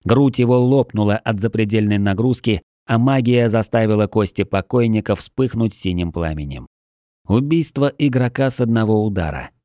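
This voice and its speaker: Brief: male audiobook narrator, warm low voice, steady storytelling delivery, dry booth. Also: normal speed, no room sound. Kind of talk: scripted narration.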